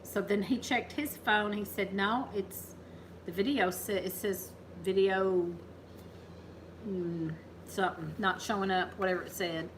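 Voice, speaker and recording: A woman's voice: medium pitch, fairly even intonation, unhurried, a little hiss or hum, rough recording. Chatty woman hosting a farm livestream. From Kentucky, USA. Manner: chatty, laughs easily, teasing. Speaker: farm channel host. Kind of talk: casual livestream chat.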